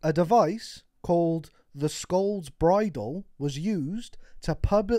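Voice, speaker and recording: A man's voice: a little high, takes it slowly, dry recording, studio quality. A young man co-hosting a casual podcast, joking and laughing often as he chats and reads out stories. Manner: laughs often, jokey and animated. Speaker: podcast co-host. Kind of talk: casual chat.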